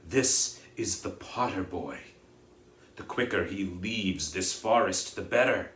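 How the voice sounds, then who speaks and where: A man voicing a calm, noble male centaur who speaks gravely and earnestly. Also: low voice, takes it slowly, distant mic. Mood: urgent. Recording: echoey room.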